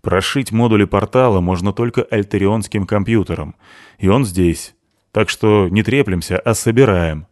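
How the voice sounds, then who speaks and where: A man's voice: on the low side, normal speed, a little mellow, natural voice. A man voicing a curt man in charge who cuts off argument. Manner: curt, commanding.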